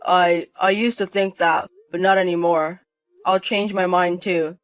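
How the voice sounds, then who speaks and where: A man's voice: high voice, level tone, a little slow, fairly bright tone, smooth, faint music behind, poor audio. A man voicing a self-centered husband in a drama, sounding flustered and pleading.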